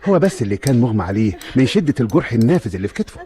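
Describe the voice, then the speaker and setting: An Egyptian actor playing a police officer who speaks firmly and tries to calm people down. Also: male voice, medium pitch, racing, crowd noise, natural voice. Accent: Egyptian Arabic. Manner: firm, calming. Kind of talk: film drama acting.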